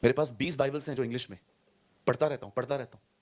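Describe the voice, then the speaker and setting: Animated male pastor preaching in a hall. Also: medium pitch, very fast. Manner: animated preaching, jumps between loud and soft, mixes in English words. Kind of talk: sermon. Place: church hall with a congregation.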